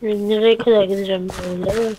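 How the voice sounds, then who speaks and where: A woman's voice: mid-range voice, steady tone, fast, background noise. A woman hosting a gameplay channel, chatting casually to viewers and counting blocks aloud as she builds. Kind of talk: casual let's-play commentary.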